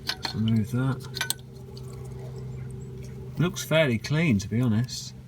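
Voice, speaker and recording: A man's voice: medium pitch, slow pace, background noise. Easygoing man fixing a van. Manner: relaxed, self-deprecating, thinks aloud with many ums. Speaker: DIY mechanic vlogger. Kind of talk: casual how-to commentary while working.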